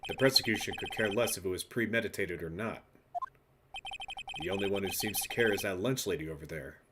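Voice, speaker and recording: A man's voice: low-pitched, brisk, very noisy, close to an everyday voice. A man voicing a smug, haughty male prosecutor. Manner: haughty, condescending. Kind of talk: reading game dialogue aloud in character. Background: game music.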